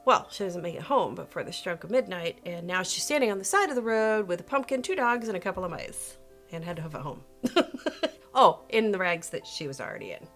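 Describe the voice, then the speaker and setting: A woman hosts a video and tells a story in a casual, comedic way, animated and sarcastic, full of playful asides and interrupting herself. Her voice is lowish and a little fast, with faint music behind her.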